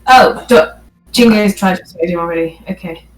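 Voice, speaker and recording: A woman's voice: on the low side, a little fast. A woman chatting casually as a player in a tabletop role-playing game. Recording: echoey room, faint music behind.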